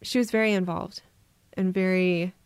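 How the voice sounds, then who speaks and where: A woman from Minnesota, a guest on an interview podcast, telling her personal story in a reflective, soft-spoken way. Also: lowish voice, steady tone, moderate pace, smooth, no room sound. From Minnesota, USA. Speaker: guest adoptee.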